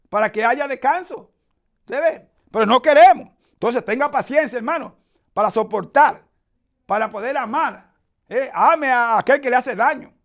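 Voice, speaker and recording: A man preaching in a strikingly high voice, pressing his points hard and keeping his listeners with him by asking again and again whether they follow. He works scripture verses into the sermon from memory. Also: fairly bright tone. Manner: emphatic, keeps asking the congregation "¿usted ve?".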